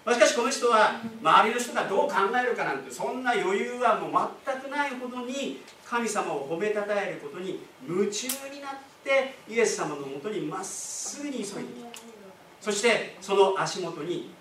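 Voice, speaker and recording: At a moderate pace, a high-voiced pastor delivers a sermon, addressing the congregation in a relaxed, explaining manner with asides and questions. He's recorded from a distance, away from the mic in an echoey church hall. Faint room ambience and slight background noise can be heard.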